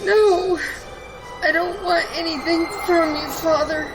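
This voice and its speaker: A woman's voice: extremely high pitch, fairly even intonation, takes it slowly, over loud music, low-quality recording. An actress playing a frightened young woman who has inherited a house, shaky and near tears, in an audio drama. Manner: shaky and anxious, crying at times.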